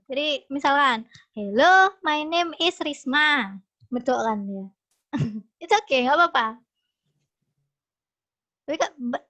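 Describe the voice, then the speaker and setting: A woman's voice: high voice, fairly bright tone. A woman teaching an online English class, chatty and encouraging, often laughing as she mixes English with her own language. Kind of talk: casual online class talk mixing English and Indonesian. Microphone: video call. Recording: dull lo-fi video call audio.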